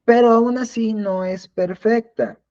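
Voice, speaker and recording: A man's voice: high-pitched, steady tone, measured pace, darkish tone, lo-fi sound. A man teaching a live online class in a conversational way, often restarting and repeating words. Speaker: instructor.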